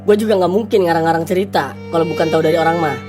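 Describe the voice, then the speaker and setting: A woman's voice: lowish voice, rapid-fire, lightly acted. A woman voicing an easygoing village shopkeeper man, teasing and gossipy, in a school cartoon. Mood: gossiping. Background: background music.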